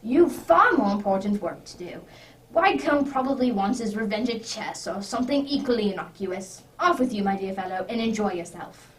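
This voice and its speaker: A woman playing Sherlock Holmes as a hearty, emphatic gentleman detective in a radio drama. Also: mid-range voice, lively intonation, moderate pace, far from the mic, natural voice, low-quality recording. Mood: hearty, insistent. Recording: off-mic with faint background noise.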